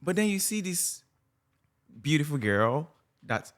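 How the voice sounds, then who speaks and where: Lively, teasing man. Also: fairly high pitch. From Nigeria. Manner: playful and teasing, quick to laugh. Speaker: podcast co-host. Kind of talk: casual chat.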